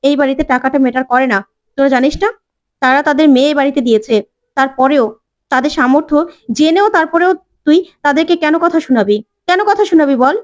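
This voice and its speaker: A woman's voice: high-pitched, quick pace, natural voice. A woman voicing a stern young man who scolds his sister in a firm, reproachful way.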